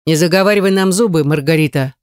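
A woman's voice: sits low, fast talker, darkish tone, no echo, clean studio sound, close to an everyday voice. Woman doing a growling menacing captor. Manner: growling, threatening. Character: menacing male leader of captors, cold and cruel.

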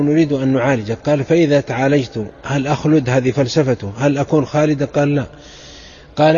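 A man's voice: a little high, warm tone, highs cut off. A man from Saudi Arabia preaching a sermon, telling stories of early scholars with fervent, emphatic exhortation. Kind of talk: sermon storytelling.

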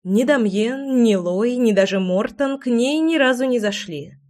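A woman's voice: on the high side, animated, measured pace, a little mellow. Woman narrating an audiobook steadily.

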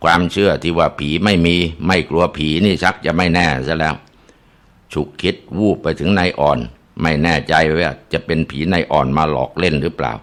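Man, very low voice, ghost story narrator, dramatic, filler sounds. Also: a little fast, a bit bright.

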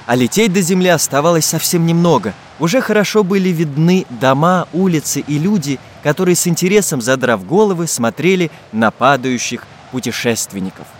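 A man narrating a children's fairy tale in a lively, expressive manner. His voice sits a little high and moves widely up and down, with a faint hiss behind it. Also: a little fast, few pauses. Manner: expressive, storytelling. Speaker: audiobook narrator. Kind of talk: scripted narration.

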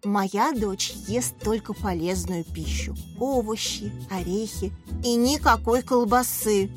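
A woman's voice: mid-range voice, takes it slowly, music in the background, lightly acted. A woman reading the part of a sarcastic, scornful mother who only feeds her child healthy food. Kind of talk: audiobook character reading.

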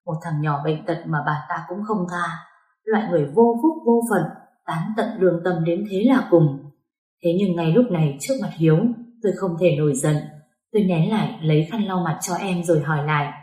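A woman reading a first-person story aloud as an audiobook narrator, with steady, emotional delivery. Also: on the low side. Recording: roomy echo.

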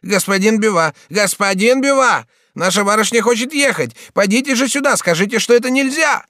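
A man doing a shrill, frantic old maidservant. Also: animated, fairly quick, bright, forceful tone, no echo, clean studio sound. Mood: alarmed. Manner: shrill, alarmed.

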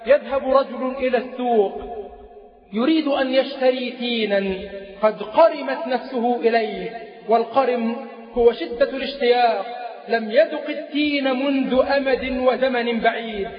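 A man's voice: very high voice, moderate pace. A man preaching a sermon in a chanting, sing-song delivery, repeating key phrases. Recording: echoey lo-fi mosque recording.

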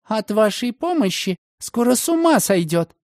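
Man putting on a sharp indignant young woman. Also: sing-song, normal speed, no room sound, studio quality. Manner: high, hissing, accusing.

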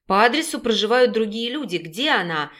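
A woman voicing an anxious, hot-tempered young man who commands loudly, in an audiobook. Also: sits high, big pitch swings, brisk, full character voice. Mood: alarmed. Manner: loud, commanding, hissing.

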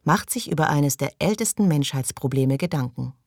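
A woman narrating an audiobook in calm, even storytelling, recorded close in a studio booth. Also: low-pitched, normal speed, no echo. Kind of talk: scripted narration.

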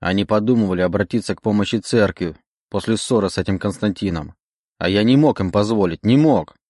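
A man's voice: on the low side, a little fast, darkish tone, no room sound, clean studio sound, close to an everyday voice. A man voicing a possessive demon bound to a young man's soul, pleading and insistent in an audiobook reading. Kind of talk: audiobook character voice.

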